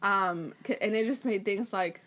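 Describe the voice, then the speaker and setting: A woman co-hosting a casual podcast chat, talking fast and acting out what people said to her. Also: medium pitch, a bit bright. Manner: chatty, gives practical advice, acts out quoted voices. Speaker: podcast co-host.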